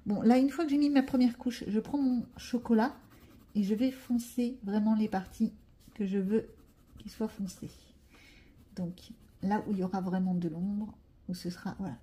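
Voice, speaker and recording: A woman's voice: medium pitch, fairly even intonation, normal speed, warm tone. A woman with a French accent chatting casually as she colors, thinking aloud and poking fun at herself while explaining each step. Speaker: coloring vlogger. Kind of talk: casual narrated tutorial.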